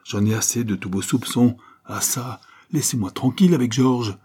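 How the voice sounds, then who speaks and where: A man's voice: on the low side, brisk, dark tone, husky. A man reading an audiobook voices a bitter, sickly young man who answers curtly and resentfully. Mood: hostile. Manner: curt, resentful.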